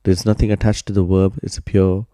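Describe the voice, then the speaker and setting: Low, mellow-voiced man teaching grammar. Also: little pitch movement, brisk, no room sound, clean studio sound. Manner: patient, step-by-step explaining with filler "uh" and "so". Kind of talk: recorded classroom lesson explaining grammar.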